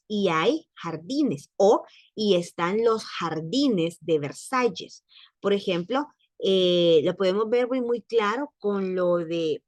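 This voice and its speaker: Recorded with no room sound, a French teacher with a mid-range voice leads an online language lesson. She patiently repeats phrases and slows down whenever she gives examples.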